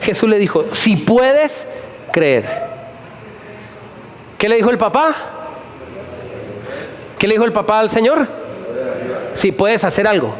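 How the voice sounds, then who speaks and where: A man preaching a sermon to a congregation, animated, repeating phrases and firing questions at the listeners. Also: high-pitched, normal speed, pauses often. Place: church hall before a congregation.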